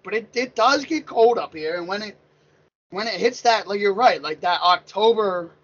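A man's voice: high-pitched, expressive, normal speed, a bit bright. Rambling man in his thirties, lo-fi. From Pennsylvania. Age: 30s. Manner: rambling, repeats words and restarts often. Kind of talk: casual sports chat. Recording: lo-fi dull sound.

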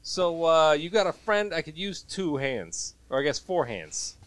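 A man's voice: on the high side, lively intonation, a little slow, dry recording. A man voicing a friendly, older, burly human blacksmith in a tabletop game. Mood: genial.

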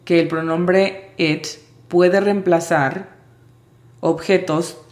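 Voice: mid-range voice, steady tone, very slow. A language teacher giving a spoken lesson, patiently spelling out sounds letter by letter. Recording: roomy echo.

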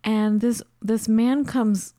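A woman's voice: on the high side, steady tone, slow, mellow, dry recording, clean studio sound. A woman co-hosting a casual talk show, telling stories with lots of animation and frequent laughter. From studied in England. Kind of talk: casual storytelling chat.

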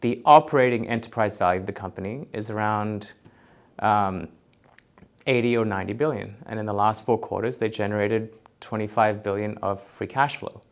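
A man's voice: fairly low pitch, normal speed. A man giving conversational, explanatory answers as an expert podcast guest, often saying "you know". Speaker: portfolio manager, podcast guest.

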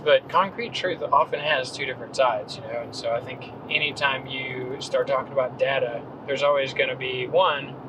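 A man's voice: mid-range voice, background noise. A man in his thirties from North Carolina, a podcast guest talking casually with many ums and restarts. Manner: hesitant, rambling, frequent ums and restarts. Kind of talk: casual conversational interview.

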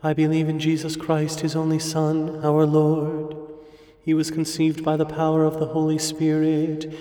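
A man with a slightly high, mellow voice leads a prayer service. He recites solemnly and evenly, at times almost chanting. His words ring out in a long, echoing church-like reverb. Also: monotone. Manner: measured, solemn, partly intoned. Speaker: officiant leading morning prayer. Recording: echoey church-like hall, long reverb, music.

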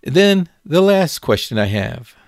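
A man preaching a sermon, slow and deliberate, asking his listeners question after question. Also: fairly high pitch, big pitch swings, creaky, no echo, studio quality.

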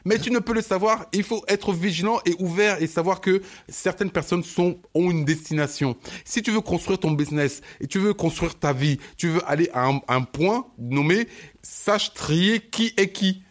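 A man co-hosting a podcast in casual chat, animated and slangy, often stammering on repeated words. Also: high voice, normal speed. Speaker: podcast co-host.

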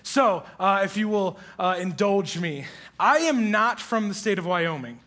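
A young man from Iowa speaks from a church stage, his voice pitched high for a man and ringing with a forceful brightness. He jokes about himself and laughs easily as he introduces himself to the congregation. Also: expressive, unhurried. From Iowa, USA. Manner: playful, self-deprecating, laughs often. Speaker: church pastoral resident. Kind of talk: humorous self-introduction to a congregation.

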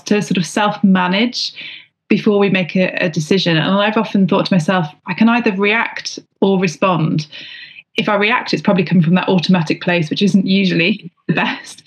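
Female podcast co-host from Britain, mid pitch, calm, reflective, repeats phrases. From United Kingdom. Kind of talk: casual podcast discussion.

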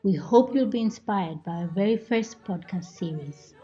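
A woman's voice: medium pitch, lively intonation, normal speed, highs cut off, very noisy. A woman hosting a podcast, reading a scripted introduction in an upbeat announcer manner. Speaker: podcast host.

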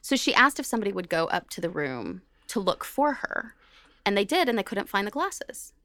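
Co-hosting a podcast, a woman relates a story in a casual, lively manner, dramatizing the quoted remarks. She talks fairly quickly in a mid-range voice, with no echo in the recording.

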